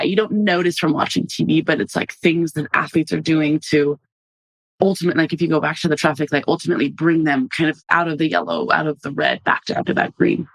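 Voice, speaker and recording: A young adult woman, a softball player guest in a casual podcast interview, telling stories animatedly and acting out quotes. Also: deep voice, no echo, rough recording.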